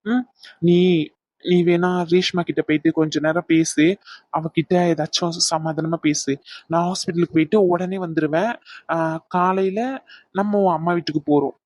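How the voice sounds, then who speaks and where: A stern middle-aged family man in a cartoon, voiced by a woman pitched low, blunt and scolding. The voice sits deep and dry, close to the mic. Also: steady tone, normal speed, a little mellow, no echo, close to an everyday voice. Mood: calm. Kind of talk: animated cartoon voice acting.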